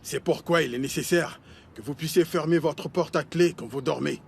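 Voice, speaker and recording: Fussy, high-voiced, creaky male neighbour. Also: moderate pace, slight background noise. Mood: concerned. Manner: hesitant, formal, pompous. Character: fussy, self-important older male neighbour, hesitant peacemaker, easily offended. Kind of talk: dubbed comedy-drama acting.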